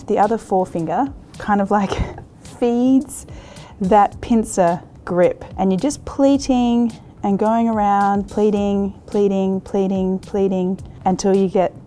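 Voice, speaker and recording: Slightly slow and dark-toned, this mid-range voice comes from an Australian woman in her thirties presenting a cooking show, with a faint hiss or hum in the recording. She walks through the recipe step by step, laughing easily and keeping things encouraging and casual.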